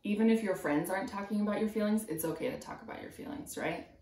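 A young woman in her twenties, a preschool teacher, reads a storybook aloud at home in a small indoor room whose roomy echo carries her medium-pitched, warm voice along with a little hiss or hum. Her phrasing is simple, encouraging, and teacherly, with pauses and questions put to young listeners.

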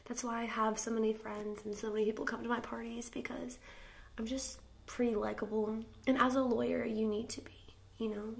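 A woman's voice: fairly high pitch, gravelly. A young woman playing a snooty popular girl in an ASMR role-play, with a mock-sweet, snippy, condescending manner. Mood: boastful. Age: young adult. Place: small indoor room, seated before camera.

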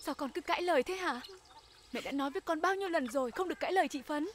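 A woman's voice: high-pitched, rapid-fire, a little hiss or hum, natural voice. An actress playing a middle-aged mother, firm and scolding yet caring. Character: stern but caring village mother. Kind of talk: TV drama acting.

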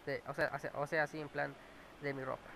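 A man with a Mexican accent and a cold commentates his own match, chatting casually as he plays and swearing at the plays. His fairly high, creaky voice keeps a level tone and a brisk pace, picked up by a clip-on mic near his mouth over a noisy background.

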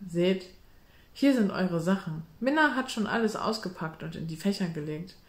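A woman's voice: on the low side, animated, normal speed, lightly acted. Cheeky schoolboy, read by a woman, eager and bold, storybook, roomy sound. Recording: roomy echo.

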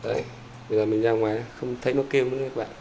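A chatty man, speaking at a mid pitch as he keeps turning to his viewers. He repeats small pointing words while talking outdoors. A faint hum of outdoor noise sits behind his voice. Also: flat delivery, very fast, dark tone. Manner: chatty, repeats "there" often, talks to viewers. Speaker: bird-keeping vlogger. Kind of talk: casual talk to camera viewers.

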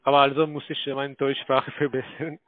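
A man who is not a native German speaker, talking haltingly on a phone call with many filler sounds and broken grammar. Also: mid-range voice, level tone, no room sound. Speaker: scam call center agent. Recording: tinny dry phone line.

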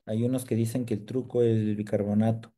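Running a live sales training demo, a man with a lowish voice talks briskly. He's lively, cracking jokes and firing questions at the audience.

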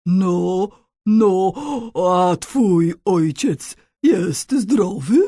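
Woman putting on a booming little vampire boy. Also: breathy edge, no echo, clean studio sound, full character voice. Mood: menacing. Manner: loud, drawn-out, booming delivery. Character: little male vampire, theatrical, menacing, sulky.

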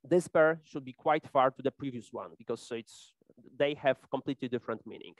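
A man presenting a technical talk at a conference, pausing often with fillers and restarting his sentences. His voice is smooth and resonant, and it sounds dry, with no room echo. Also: medium pitch. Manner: hesitant, many fillers and restarts. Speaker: conference speaker. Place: conference hall.

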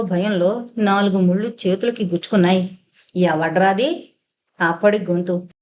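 A woman reading a first-person novel aloud as a narrator, steady and storytelling, lifting her voice for quoted lines. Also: mid-range voice. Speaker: audiobook narrator.

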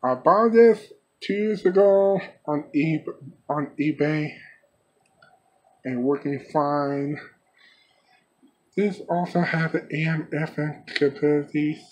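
Holding a handheld camera in a small bedroom, a man gives a casual showcase of his weather radios. His delivery is plain, halting, and repetitive, in a slightly rough, fairly high voice, and the camera audio picks up plenty of noise.

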